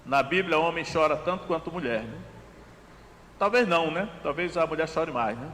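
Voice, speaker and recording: High-voiced Brazilian pastor preaching. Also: male voice, expressive, fairly bright tone, a little hiss or hum. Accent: Brazilian Portuguese. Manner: reads scripture slowly, often adds "né?". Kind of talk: sermon. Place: church sanctuary. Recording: church hall with long reverb.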